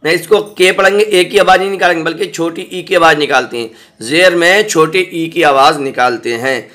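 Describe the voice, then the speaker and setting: A man teaching Quran recitation, spelling out each word slowly and repeating it, often checking that the listener understands. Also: on the high side, bright, forceful tone. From South Asia. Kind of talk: slow spelled-out recitation lesson.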